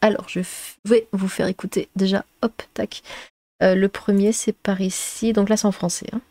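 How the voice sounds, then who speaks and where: A woman's voice: mid-range voice, flat delivery, moderate pace, dark tone, dry recording. A woman chatting casually to her viewers, rambling with many fillers and hesitations, into a headset. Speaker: YouTuber.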